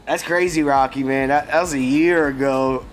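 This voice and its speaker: A man's voice: medium pitch, fairly even intonation, moderate pace, faint music behind. A man streaming a game, chatting casually and slangily with his viewers in a laid-back way. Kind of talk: casual livestream chat.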